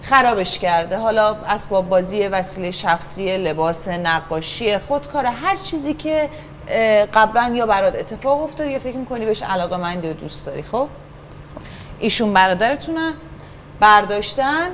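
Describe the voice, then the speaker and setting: A woman teaching a children's acting class, patient and encouraging, giving instructions and asking the class to keep quiet and pay attention. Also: medium pitch, animated, slight background noise.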